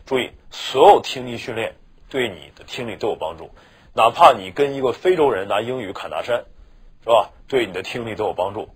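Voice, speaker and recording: A male teacher, a native Mandarin Chinese speaker, gives a chatty exam-prep lecture in a medium-pitched, animated, brisk voice with a breathy edge. He keeps checking that his students agree, often asking "是吧."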